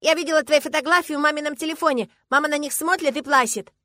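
A woman's voice: high-pitched, steady tone, fast, bright, forceful tone, dry recording, clean studio sound, pitched above the performer's own voice. A woman voicing a stubborn, indignant five-year-old girl who insists like a strict little teacher. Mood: insistent.

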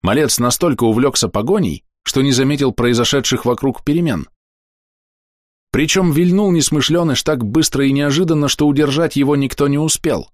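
A man reading a fantasy novel aloud as an audiobook narrator, measured and expressive, slowing down for dramatic moments. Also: mid-range voice, dry recording, studio quality. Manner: measured, expressive storytelling with slowed dramatic pauses.

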